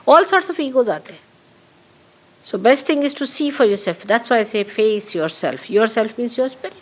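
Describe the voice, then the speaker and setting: A woman's voice: fairly high pitch, lively intonation, normal speed. A woman teaching a gathering in a spoken talk with questions and answers. She stresses her points and repeats key phrases, speaking straight to her listeners. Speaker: spiritual teacher. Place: meeting hall with an audience.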